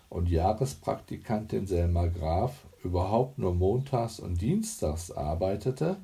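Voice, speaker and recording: A man reading a novel aloud as narrator, in a measured, wry manner. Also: on the low side, dark tone. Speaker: audiobook narrator. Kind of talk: scripted narration.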